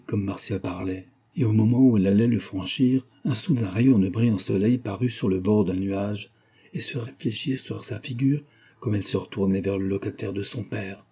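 A man narrating a classic novel in a measured, dramatic audiobook reading. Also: lowish voice, steady tone, warm tone, slightly rough. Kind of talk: scripted narration.

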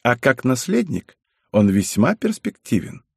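A man voicing a sly, mocking old woman in an audiobook, speaking in a calm, teasing, unhurried way. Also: medium pitch, gravelly, slightly rough, dry recording, studio quality, exaggerated voice.

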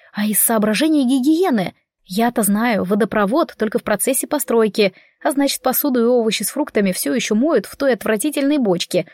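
A woman reading a story aloud in first person, wry and lively. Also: fairly high pitch, no room sound, studio quality. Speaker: audiobook narrator.

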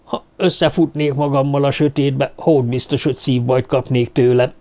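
A man voicing a scruffy, nervous prankster who grumbles slowly in an audiobook. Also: mid-range voice, steady tone, darkish tone, pitched above the performer's own voice, natural voice. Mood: grumbling.

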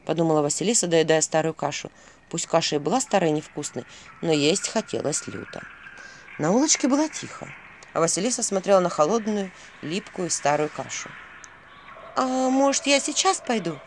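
An expressive narrator reads a fairy tale aloud. The voice moves lively up and down across the lines. A faint hiss sits behind the recording. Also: mid-range voice, a little fast. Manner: expressive storytelling. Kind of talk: audiobook reading of a fairy tale.

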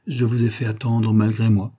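Male reader as a courteous young gentleman, husky low voice, audiobook. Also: flat delivery, normal speed. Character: young hot-headed gentleman before a duel.

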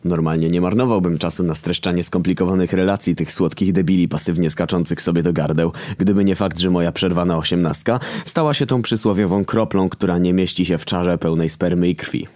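Deep-voiced deadpan male narrator. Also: fairly quick, no room sound. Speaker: story narrator. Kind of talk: scripted dark-comedy narration.

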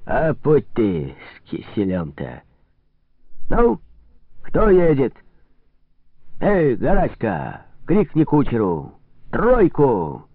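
A loud, drunken merchant host, boisterous and boastful, with a pitch that leaps about, as a man acts him out. He bellows his toasts and orders. The dry, tinny sound has no room in it. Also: wildly swooping pitch, very slow, pauses often, no echo, full character voice. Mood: rowdy. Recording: dry, narrow phone-like sound.

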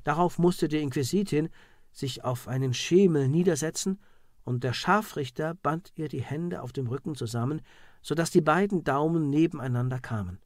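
A man in a measured, solemn reading of a historical court record. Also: fairly high pitch, no echo. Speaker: narrator.

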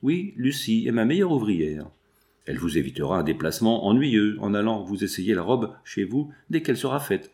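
A man's voice: fairly low pitch, very animated, normal speed, darkish tone. A man reading as a commanding grand couturière. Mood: brisk. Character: grand older female couturière, brisk and commanding.

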